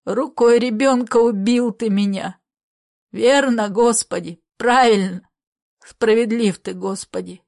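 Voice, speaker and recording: A woman reading a story aloud, voicing a hoarse, guilt-ridden dying old grandfather who speaks in a despairing, pleading way. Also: fairly low pitch, slow pace, long pauses, voice pushed down.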